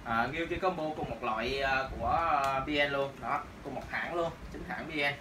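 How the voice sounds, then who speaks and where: A man's voice: mid-range voice, moderate pace. Young guy demoing boxing gloves, rambling with lots of fillers, noisy roomy camera mic. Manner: casual, many fillers and repeated "đó". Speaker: martial arts shop presenter. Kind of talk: product demo. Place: small room in a shop, indoors. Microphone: camera on tripod a few meters away. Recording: roomy, distant camera audio with noise.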